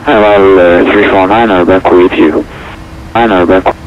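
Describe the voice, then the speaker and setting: A man's voice: low voice, fairly even intonation, unhurried. A man working as an air traffic controller, speaking in clipped procedural phrases over an aviation radio. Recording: muffled, noisy aviation radio transmission.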